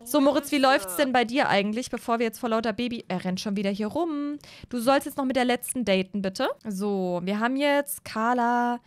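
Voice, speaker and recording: A woman's voice: fairly high pitch, fairly quick, hardly any pauses. A woman hosting a life-sim let's play, chatting casually and often tagging on "ne?". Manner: chatty, keeps asking "ne?". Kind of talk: casual gameplay commentary.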